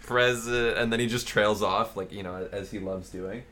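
Low-voiced rambling sarcastic man. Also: fairly even intonation, moderate pace, a bit bright. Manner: rambling, many fillers and restarts; sarcastic, profane. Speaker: podcast co-host. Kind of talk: casual political podcast chat.

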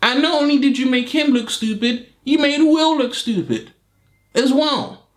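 Guy on a podcast, high voice that jumps all over, keeps saying bro and repeating himself. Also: a little slow. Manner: animated, emphatic, repeats phrases for effect; slangy, says "bro" often. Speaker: podcast co-host. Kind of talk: casual podcast chat.

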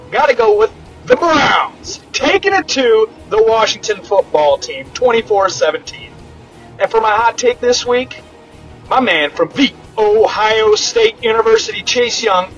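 A man calling in as a longtime listener, delivering his pick in a booming announcer style. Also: a bit bright, highs cut off. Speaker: listener caller. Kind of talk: recorded sports prediction message.

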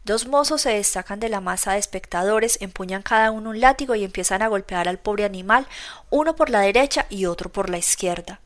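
A woman narrating a classic novel as an audiobook reader, in steady storytelling. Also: mid-range voice, fairly quick. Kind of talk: scripted narration.

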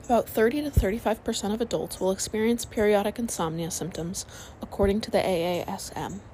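A woman narrating a sleep story, reading aloud in a calm, soothing way. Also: mid-range voice, brisk, slight background noise.

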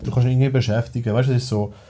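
A man's voice: medium pitch, fairly even intonation, racing, warm tone. A man with a Swiss German accent talking as a podcast guest, rambling and blunt, with many restarts and fillers. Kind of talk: casual personal conversation.

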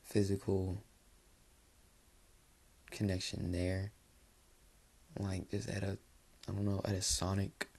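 A sleepy young man talks through a late-night solo podcast from his bed. His low, gravelly voice drags slowly as he rambles with plenty of fillers. A faint hiss sits under the recording. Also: monotone, darkish tone. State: sleepy with a dry voice. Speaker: podcast host. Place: bedroom, sitting on his bed.

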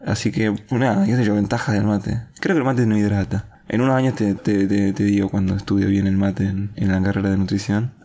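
A young man with an Argentine accent chats casually as a podcast host, his voice a little low. He rambles along with a joking tone, stumbling over repeated words while he gathers his thoughts. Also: flat delivery, fairly quick, few pauses, warm tone. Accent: Argentine Spanish. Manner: rambling, repeats words when thinking, jokey. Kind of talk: casual chat.

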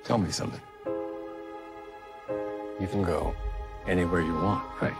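An actor playing a weary older male mentor who speaks quietly and deliberately, in a film trailer clip. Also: sits low, steady tone. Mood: quietly probing. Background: loud score music.

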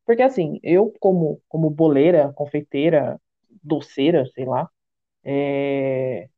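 A woman's voice: low voice, takes it slowly. A woman podcast host with a Brazilian Portuguese accent, chatting casually with a guest, self-deprecating and full of restarts. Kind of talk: casual chat. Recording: tinny phone-like sound.

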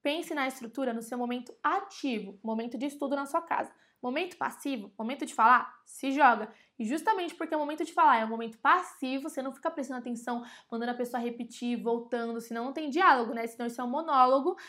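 A woman's voice: sits high, a bit bright. A woman with a Brazilian Portuguese accent teaching English in a casual online lesson, chatty and often addressing her audience directly. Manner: slows down to spell and repeat example words.

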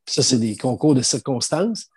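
A man's voice: mid-range voice, moderate pace, breathy edge, dry recording. A middle-aged man with a Quebec French accent telling anecdotes in casual, slangy conversation. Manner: animated anecdotal storytelling with slang. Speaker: storyteller guest sharing anecdotes. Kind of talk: casual chat.

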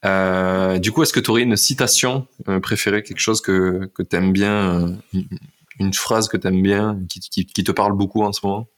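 Male podcast host, very low voice, loose and rambling. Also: fairly even intonation, normal speed. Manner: rambling, many fillers and restarts. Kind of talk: casual interview chat.

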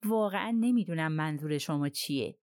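A woman's voice: deep voice, expressive, darkish tone, no room sound, studio quality. Woman reading a curt, cold English colonel. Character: reserved stiff English army colonel, man.

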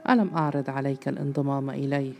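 A man's voice: mid-range voice, fairly even intonation, vocal fry, darkish tone, slight background noise, close to an everyday voice. A man voicing a sly male neighbor who taunts with mock seriousness, in a storybook reading. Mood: taunting. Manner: mocking, feigned seriousness, quick.

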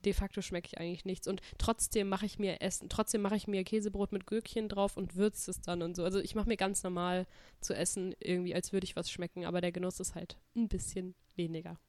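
A woman's voice: lowish voice, little pitch movement, fairly quick, few pauses, darkish tone, no room sound. Young woman with a cold, chatting casually. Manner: rambling, informal, slangy. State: mildly sick with a cold and stuffy nose. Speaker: podcast co-host. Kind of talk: casual chat.

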